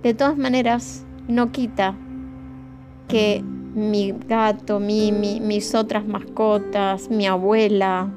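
A woman's voice: medium pitch, flat delivery, slow. A woman podcast host with a Rioplatense Spanish accent, speaking in a heartfelt, emotional way and addressing her listeners directly. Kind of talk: reflective podcast monologue. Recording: music playing behind the voice.

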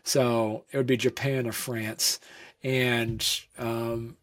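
A man from Vermont talks casually as a guest on a comics podcast. He rambles, stops and restarts, and fills pauses with ums and likes. His voice sits in a middle pitch. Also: flat delivery. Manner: rambling, many fillers and restarts. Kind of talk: casual interview chat.

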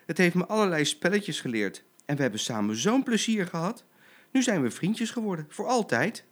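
A man's voice: mid-range voice, normal speed, lightly acted. An older man voicing an eager, kind-hearted young lion cub with a childlike voice in a storybook. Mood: excited.

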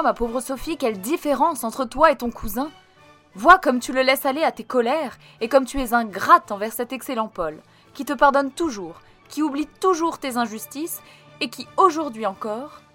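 A woman voicing a gentle but firm mother who talks soothingly and moralizes. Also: sits high, voice pushed up, full character voice. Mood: moralizing.

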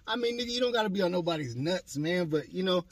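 A middle-aged man hosts a relaxed podcast interview, his voice sitting a bit high for a man. He asks his questions in easygoing street slang. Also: fast. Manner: laid-back slangy questioning. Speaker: podcast host. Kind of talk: casual interview.

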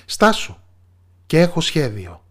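A man voicing a quick-witted young witch's daughter, speaking briskly and decisively in a storybook tale. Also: fairly high pitch, wildly swooping pitch, a bit bright, pitched above the performer's own voice, full character voice.

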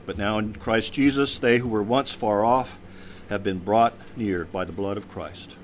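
A priest giving a measured sermon, his voice dropping at the end of phrases. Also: lowish voice, a little hiss or hum. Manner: measured preaching with pauses, voice drops at phrase ends.

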